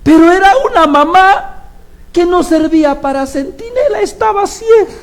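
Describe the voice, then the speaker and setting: A man's voice: extremely high pitch, normal speed. A man preaching a sermon, telling stories animatedly, acting out the people he quotes and putting rhetorical questions to the congregation. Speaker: lay preacher.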